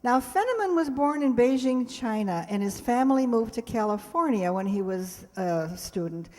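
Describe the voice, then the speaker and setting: Animated and mellow, a woman with a voice on the high side hosts a live stage show at a moderate pace. She speaks to the hall audience informally with ad-libbed asides, and hall reverb colors the recording.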